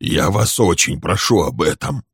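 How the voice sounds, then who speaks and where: A man voicing a hoarse older gentleman who pleads and commands to calm a quarrel in his home. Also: deep voice, unhurried, dry recording, studio quality, heavily acted. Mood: pleading. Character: older male host, stern and placating.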